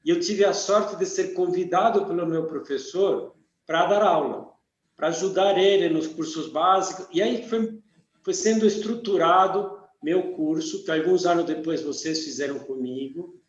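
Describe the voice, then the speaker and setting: An older man from Argentina, a radiesthesia teacher calmly explaining his field as a guest in an interview. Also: on the high side, moderate pace. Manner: calm, methodical, lists things one by one. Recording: dull, echoey call audio.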